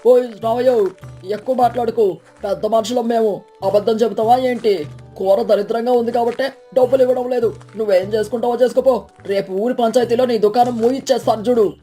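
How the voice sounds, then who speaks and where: A woman's voice: a little high, fairly even intonation, brisk, mellow, slightly rough, faint music behind. A woman voicing a greedy, stingy village man who blusters and bullies in a storybook tale. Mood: blustering. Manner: bullying, indignant.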